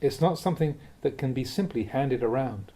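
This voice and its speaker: Reading from a dharma talk, a male Buddhist monk speaks in a reflective, measured way, yet his medium-pitched voice remains animated. Occasionally he chuckles softly.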